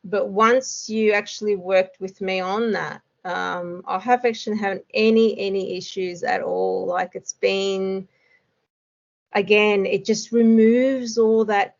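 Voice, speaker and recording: A woman's voice: mid-range voice, fairly even intonation, a little slow, highs cut off. A woman, a hypnosis student, chatting casually in an interview with lots of fillers and frequent laughs.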